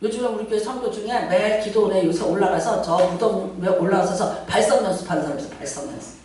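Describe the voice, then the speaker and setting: A middle-aged woman pastor, preaching a fervent, dramatic sermon that swings from shouts to hushed asides. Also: medium pitch, fast talker, background noise. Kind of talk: Pentecostal sermon. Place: large church sanctuary. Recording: very echoey church hall, from far off.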